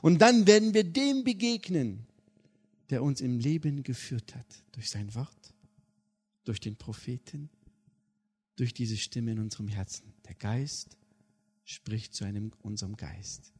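A middle-aged man preaching a sermon, telling stories and asking his listeners questions, moving between hushed, intimate passages and loud, emphatic ones. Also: lowish voice, steady tone, measured pace, breathy edge. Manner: addresses listeners directly with questions. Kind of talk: sermon with storytelling.

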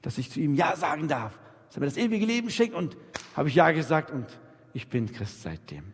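A man leads an interactive church workshop in a husky, highish voice that moves fairly quickly with big pitch swings. He coaches emphatically, repeats himself, and checks often that people follow, and the live-recording microphone captures the long echo of a reverberant hall.

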